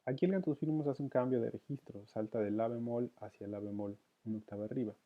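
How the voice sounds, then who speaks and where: Fast and medium-pitched, a man teaching counterpoint reasons through the lesson aloud with hesitations. He uses many fillers and keeps restarting, and the recording sounds dull and lo-fi.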